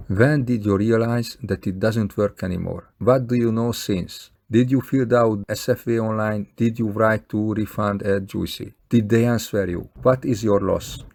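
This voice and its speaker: Male video maker, Hungarian accent, lowish gravelly voice, earnest and plain-spoken direct appeal. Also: a little mellow. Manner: earnest, plain-spoken, non-native phrasing. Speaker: video maker appealing to fellow scam victims. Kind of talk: scripted appeal to camera.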